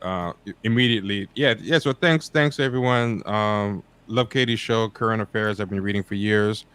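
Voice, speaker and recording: A man's voice: lowish voice, normal speed, clear, resonant tone. A man hosting a casual livestream podcast, talking loosely with fillers as he wraps up. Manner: relaxed, loose wrap-up talk with fillers. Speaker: podcast host.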